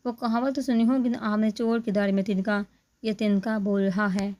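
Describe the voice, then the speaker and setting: A woman's voice: mid-range voice, little pitch movement, moderate pace, warm tone, lightly acted. A woman voicing a talkative young man who keeps teasing his friends, in a chatty, joking manner.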